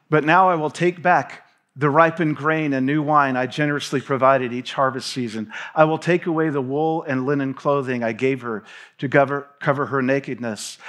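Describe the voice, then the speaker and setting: A man in his thirties preaching a sermon from a church stage, reading scripture and gesturing as he speaks. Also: mid-range voice. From Tennessee. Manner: preaching with hand gestures, animated pacing, reads scripture aloud. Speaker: pastor.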